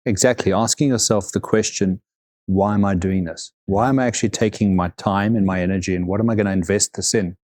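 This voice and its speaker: A middle-aged man with a low voice, recorded dry and close. He speaks reflectively in an interview, unhurried and repeating words as he gathers his thoughts. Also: fairly even intonation, darkish tone, no room sound. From South Africa. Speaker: guest, overland vehicle consultant.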